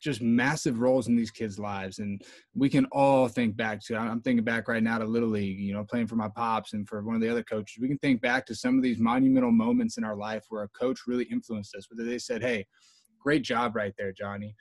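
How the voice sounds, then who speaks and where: A man, a baseball coach, speaking in a fired-up, energetic way on a video call. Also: medium pitch, a little fast, dry recording. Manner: fired up, energetic, laughs easily.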